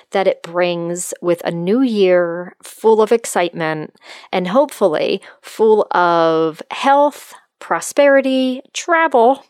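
A woman's voice: medium pitch, dry recording, studio quality. A middle-aged woman hosting a solo podcast, speaking to listeners in an open, friendly manner. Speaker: podcast host and life coach.

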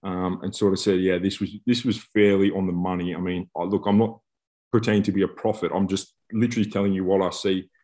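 A man with a slightly low voice co-hosts a casual podcast. He talks like one of the lads, joking and throwing in slang as he goes. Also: flat delivery, fast, mellow. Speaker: podcast co-host, rugby player turned coach.

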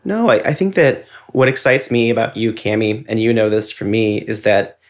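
Speaking at a moderate pace in a fairly low voice, this podcast co-host, who also makes ads, reflects casually on things. He comes across as earnest and effusive, using plenty of words.

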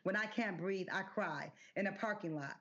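A woman poet giving a rhythmic, deliberate spoken-word performance as a podcast guest. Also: medium pitch, a bit bright. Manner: rhythmic, deliberate, incantatory delivery. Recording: dull lo-fi sound.

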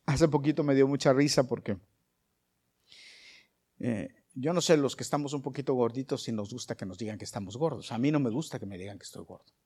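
A middle-aged male pastor, preaching a sermon that swings from soft, chatty asides to loud, rising bursts. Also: mid-range voice, fairly quick, breathy edge.

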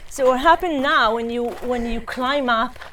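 A woman with a slightly high voice coaches a runner on a hilly outdoor trail, keeping up a steady stream of encouraging, instructive tips. A faint hiss sits under her voice. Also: normal speed. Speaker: running coach. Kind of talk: coaching on the run.

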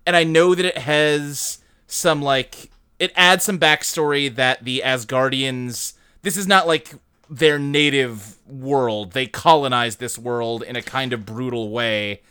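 Bright, clear-voiced man chatting. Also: medium pitch, slow pace. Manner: animated, rambling with lots of "like". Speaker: podcast co-host. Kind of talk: casual movie discussion.

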